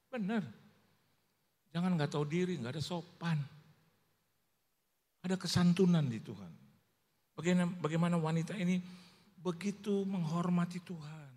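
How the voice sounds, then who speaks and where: A man preaching a sermon as pastor, animated and humorous, telling stories and acting out voices, in a church. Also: fairly high pitch, moderate pace, pauses often. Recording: long church hall reverb.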